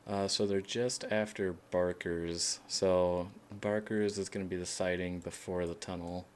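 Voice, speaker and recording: A man streaming a game, chatting casually with other players in a relaxed, hesitant way with many fillers. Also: low-pitched, unhurried, a little hiss or hum. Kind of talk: casual voice chat while playing.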